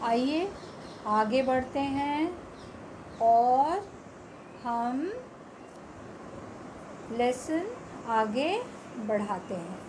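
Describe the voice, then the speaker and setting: Woman teacher for small kids, high voice, very slow drawn-out drills, faint hiss behind. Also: lively intonation. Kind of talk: Hindi phonics lesson for young children.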